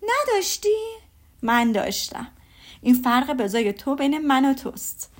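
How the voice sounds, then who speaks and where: A woman's voice: on the high side, lightly acted. A woman reading aloud voices a witty, confident young woman with a teasing manner.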